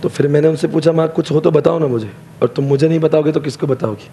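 A man's voice: fairly high pitch, fairly even intonation, quick pace, mellow, slight background noise. A young adult man speaking to students as their teacher, telling a story in an emotional motivational speech and switching between Hindi and English phrases.

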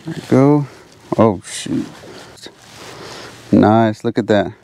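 A man's voice: on the low side, slow, gravelly. Guy narrating from a kayak. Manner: excited, repeats phrases, drops to hushed whispers when sight casting. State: out of breath from heat. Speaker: fishing channel host. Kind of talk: casual outdoor narration to camera. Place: kayak on open water outdoors.

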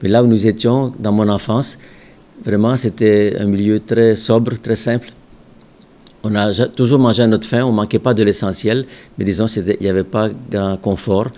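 An older man, a religious brother and school director from Ontario, Canada, sits at his office desk with a microphone before him. In a fairly low voice, he answers interview questions calmly, recalling his past in a measured, reflective manner with occasional hesitations.

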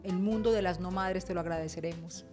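A woman with a Paisa Colombian accent, co-hosting a podcast in casual, animated chat. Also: on the low side, brisk, over music. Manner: chatty, animated storytelling. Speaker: podcast co-host.

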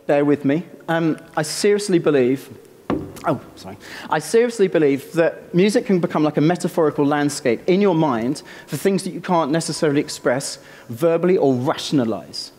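Excitable British man with a lively voice. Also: fairly high pitch, moderate pace. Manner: animated, excitable, self-deprecating. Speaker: composer and speaker. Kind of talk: live conference talk. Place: stage before a live audience.

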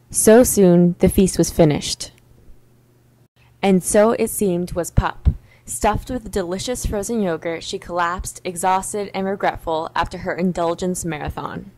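Young woman narrator, low-ish voice, deadpan mock-heroic delivery, dry close sound. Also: dry recording, low-quality recording. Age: young adult. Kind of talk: mock-epic storybook narration.

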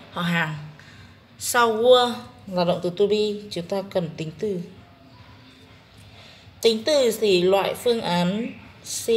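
Female teacher, Vietnamese accent, unhurried and methodical, mid pitch. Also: a little hiss or hum. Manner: slow, methodical explaining. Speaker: English teacher. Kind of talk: exam-prep lesson walkthrough.

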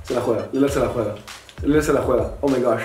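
A man's voice: medium pitch, fast, darkish tone, roomy sound, far from the mic, faint music behind. A young man, calling plays aloud like a sports commentator while gaming with friends. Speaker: gamer playing with friends. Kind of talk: excited gaming banter.

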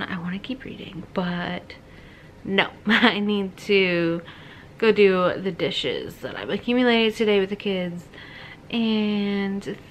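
A woman in her thirties chatting casually to camera as she retells a story in a halting, conversational way with emphatic asides. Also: medium pitch, a little hiss or hum. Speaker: book vlogger. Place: small bedroom, indoors.

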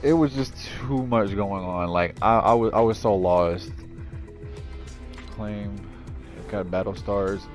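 A man's voice: slow, faint music behind. A man hosting a gaming channel, giving anxious, jittery commentary on his own gameplay and talking straight to his viewers. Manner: jittery, anxious self-talk addressed to viewers; breaks into high panicked yelling when in danger.

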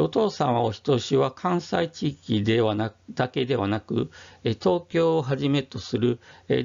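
A man with an Osaka accent talks through a history topic in a slow, formal manner and keeps pausing on "um". His voice is deeply gravelly and full of fry. The recording sounds muffled and lo-fi. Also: a little mellow. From Osaka, Japan. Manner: measured, formal, many "um" fillers. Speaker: YouTube history presenter. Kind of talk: explanatory monologue.

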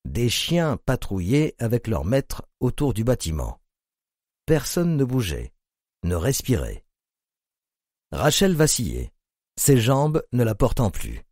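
A man narrating an audiobook in a grave, measured reading. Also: medium pitch, huge pitch swings, darkish tone, no room sound, clean studio sound. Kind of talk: scripted narration.

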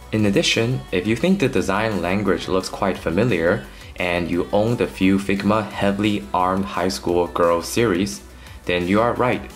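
A man with a low, deep voice hosts his own toy review as a voice-over. He talks through the unboxing in an earnest, scripted way with the odd light joke, and soft music plays faintly underneath.

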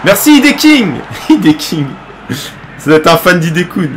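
Exasperated French streamer groaning at a game. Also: male voice, high voice, sing-song, normal speed, slight background noise. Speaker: gaming streamer. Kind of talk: live gameplay commentary.

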